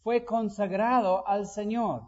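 High-voiced man preaching slowly in a hall. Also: fairly even intonation. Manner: acts out quoted voices, rising to loud emphasis. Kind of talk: sermon. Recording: dull sound with long hall reverb.

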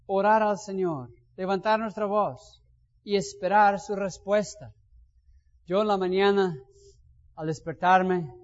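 A man preaches a sermon in a high voice, swinging between loud bursts and quiet asides. His voice carries a long reverb through the sanctuary. The sound is muffled and dull. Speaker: pastor.

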